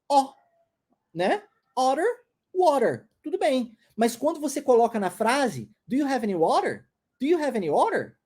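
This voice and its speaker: A man teaches an English class with a lively, swooping pitch. His tone is mellow and soft-edged, and he slows down to stress English words. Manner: animated, acts out dialogue, stresses English words slowly. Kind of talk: live online English class with anecdote.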